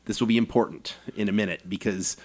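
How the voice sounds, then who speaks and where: A man's voice: lowish voice, fast. A man in his forties, a podcast co-host, telling a long anecdote in casual chat. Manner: animated anecdote telling with acted quotes and laughs.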